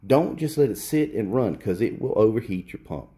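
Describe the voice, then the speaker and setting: Man, repair demonstration, low dark voice, blunt and preachy, workshop. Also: animated, normal speed. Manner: blunt, lecturing, repeats himself for emphasis. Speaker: repair technician. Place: cluttered workshop. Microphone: handheld phone camera close to the work.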